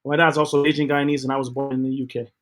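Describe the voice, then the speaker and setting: A middle-aged TV co-founder appears as an interview guest, describing his work in an upbeat, promotional way with a few fillers. His mid-range voice stays level in tone as he speaks rapid-fire.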